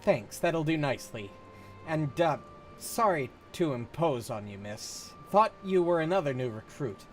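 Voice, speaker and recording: A man's voice: fairly high pitch, expressive, a little slow, faint music behind. Man reading as an earnest, weary soldier. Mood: earnest, apologetic. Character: weary, apologetic male army supply soldier, earnest and dutiful. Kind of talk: video game dialogue read aloud in character.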